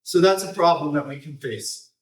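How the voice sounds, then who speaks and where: A man coaching a jiu-jitsu technique, explaining casually in short, choppy phrases and often checking in with a quick tag question. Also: a little high. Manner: informal, choppy phrases with repeated tag "right?". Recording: roomy echo, distant microphone.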